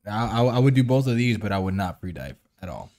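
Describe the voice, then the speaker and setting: A man's voice: on the low side, big pitch swings, fast, a little mellow. A young man in casual conversation as a podcast co-host, recorded at a table microphone in a small studio. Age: young adult. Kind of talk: casual chat. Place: small indoor studio with padded walls.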